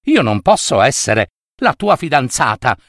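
A man's voice: mid-range voice, sing-song, unhurried, a bit bright, dry recording, clean studio sound, voice pushed down, exaggerated voice. A man voicing a polite, slightly prim little princess ball in a storybook. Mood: apologetic.

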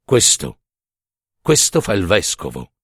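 A man voicing an old peasant father, seething with restrained fury that breaks into shouts, in a dramatized story reading. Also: on the low side, very animated, slow pace, husky, dry recording, clean studio sound, full character voice. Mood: indignant.

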